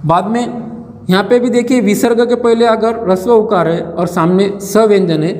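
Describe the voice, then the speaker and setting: A man's voice: sits high, fairly even intonation, moderate pace, a little mellow, a little hiss or hum. A man teaching grammar in a classroom-style lesson, quizzing the class by asking each answer back and then repeating it. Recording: echoey room with long reverb.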